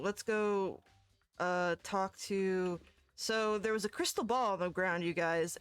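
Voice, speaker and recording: A woman's voice: mid-range voice, clear, resonant tone. A woman streamer with a mid-range voice chats loosely while playing a game. She giggles often and drops casual swears as she rambles along. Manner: chatty, giggly, profane. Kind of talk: casual chat while gaming.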